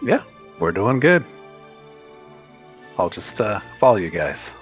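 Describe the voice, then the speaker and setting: A man's voice: takes it slowly, soft background music. A man voicing a gloomy, spooky male adventurer who mumbles under his breath. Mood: subdued. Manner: mumbling, low and flat. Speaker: tabletop player.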